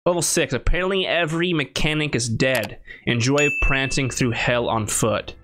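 A young man giving casual reaction commentary as a host, slangy and excitable. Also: mid-range voice, moderate pace, a little hiss or hum. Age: young adult.

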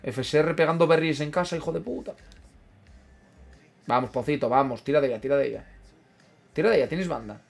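A man with a lively Asturian Spanish accent and a slightly raised pitch talks his way through a football video game. He repeats phrases, swears easily and jumps on every chance. Soft music runs faintly underneath. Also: fairly quick, vocal fry, long pauses. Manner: excitable, swears freely, repeats himself, reacts loudly to plays. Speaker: gaming streamer. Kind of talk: casual live commentary over a football video game.

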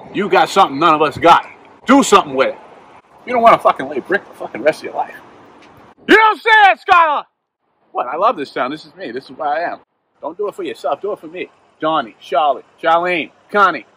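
A man acting out a tough, profane young Boston movie townie with a Boston accent in a comedy sketch. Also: a little high. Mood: earnest, insistent, then angry, loud. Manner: profane, combative, swings from muttering to shouting. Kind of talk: comedy sketch parodying crime-film dialogue. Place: outdoors on streets and in a car. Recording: noisy outdoor and in-car ambience.

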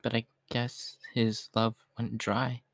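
ASMR role-play: male actor as a homeless young cat-boy, shy and hopeful, mid-pitched, polite, hesitant, very dry sound. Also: monotone, creaky, dry recording. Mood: wistful. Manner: hesitant, halting, softly polite.

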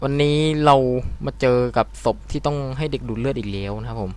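This young man hosts a let's play for his gaming channel, talking fast and casually as he plays. He curses often and swings between sudden startled shouts and low muttering.

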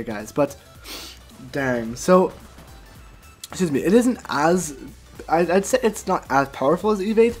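Excitable young man doing game commentary. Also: a little high. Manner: excitable, yelps when things get intense. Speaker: gaming commentator. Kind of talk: live gameplay commentary. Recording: faint music behind the voice.

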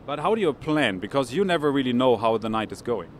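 A man's voice: mid-range voice, expressive, fast talker. German guy in his 40s interviewing outside, lots of ums, faint traffic noise. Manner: hesitant, many ums and uhs in English. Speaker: finance correspondent and interviewer. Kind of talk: street interview, report to camera. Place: outdoors on a city street. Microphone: handheld microphone.

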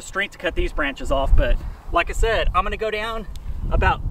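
A man's voice: sits high, gravelly. A man, chatting casually to camera on his rural property with plenty of "uh" fillers, tired after a long day of work. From Texas. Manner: relaxed, chatty, many fillers like "uh". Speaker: homesteading vlogger. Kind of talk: casual vlog talk to camera. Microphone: camera mic, from a distance. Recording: distant outdoor camera audio, faint noise.

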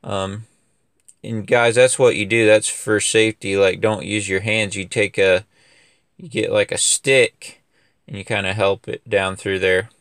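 This is a casual equipment review vlog from a young man with a lawn care business, set outdoors in a wooded yard. His lowish voice is measured, fairly even and bright, with a clean tone in a dry recording with clean studio sound. His talk is loose and rambling, with frequent fillers and restarts.

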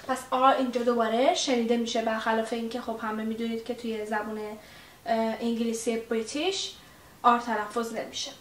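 A woman's voice: on the high side, fairly even intonation. Woman teacher, casual lesson, chatty with fillers, echoey room, slight hiss. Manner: chatty, with many fillers, repeats example phrases slowly. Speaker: English teacher. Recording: roomy echo, distant mic, faint hiss.

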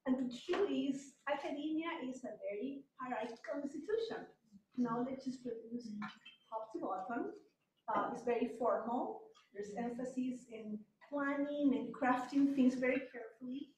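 A high-voiced woman from Chile gives a relaxed, self-deprecating lecture in a university seminar room. She is picked up from across the room, so her voice comes through roomy and distant, with a faint hum behind it. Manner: conversational, self-deprecating, occasional light laughs. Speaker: guest speaker. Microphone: far room camera. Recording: distant echoey room mic.

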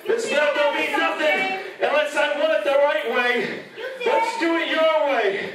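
A man cuts an emphatic wrestling promo at a very high pitch. His voice reaches us from far off in a very echoey hall, with a clearly audible crowd around him. He is impassioned and repeats himself for weight. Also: expressive, measured pace. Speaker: pro wrestler cutting an in-ring promo. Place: indoor banquet-style room with wrestling ring, crowd around. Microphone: handheld microphone through room speakers, heard from far camera.

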